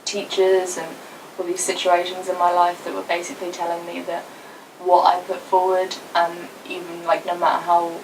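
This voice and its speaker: A young woman co-hosting a casual video chat, telling a story with quick asides. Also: on the low side, completely flat delivery. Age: young adult. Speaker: YouTube co-host. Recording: distant mic with faint noise.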